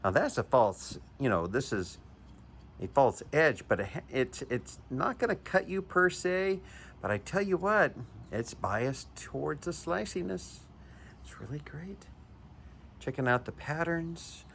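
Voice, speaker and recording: A man's voice: on the high side, expressive, measured pace, gravelly, fairly bright tone, a little hiss or hum. A man and knife collector giving a chatty, enthusiastic show-and-tell review, with chuckles and hesitant restarts.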